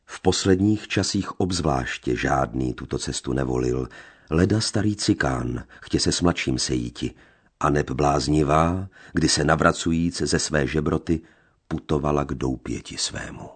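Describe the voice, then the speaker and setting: A man reading a literary novel aloud with slow, solemn narration. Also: very deep voice, husky. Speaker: audiobook narrator.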